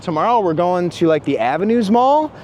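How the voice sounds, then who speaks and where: A man filming a casual travel vlog while walking around a city waterfront and a busy market, talking excitedly with lots of fillers. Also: sits high, a little fast. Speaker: travel vlogger. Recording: loud street and traffic noise.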